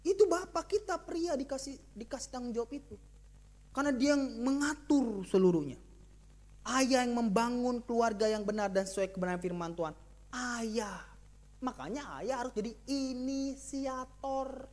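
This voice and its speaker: A male pastor giving a sermon in an animated, joking style, acting out little family skits and calling out to the congregation. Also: extremely high pitch, normal speed. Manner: jokey, animated preaching with acted-out skits. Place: church hall. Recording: echoey church hall.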